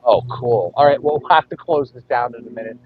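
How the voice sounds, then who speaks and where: A man's voice: mid-range voice, brisk. A man co-hosting a live stream in casual chat, his voice coming through with a tinny transistor-radio sound, upbeat and grateful. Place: home room. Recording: dull lo-fi mic with faint hiss.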